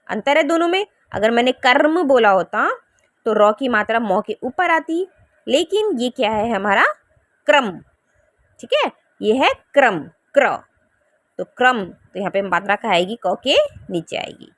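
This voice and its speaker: A woman teaching a grammar lesson to young pupils, her fairly high voice swinging widely up and down. She sounds words out slowly, syllable by syllable, and keeps asking the children whether they follow. The recording is close and dry, with no room sound. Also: a bit bright, dry recording. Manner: coaxing, checks understanding with repeated questions.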